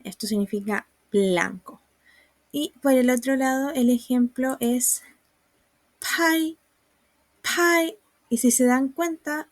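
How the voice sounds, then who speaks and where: A woman's voice: a little high, darkish tone, no room sound. A woman, patiently explaining sounds and writing in a recorded online lesson. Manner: slow, patient explaining with examples. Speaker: Mandarin teacher.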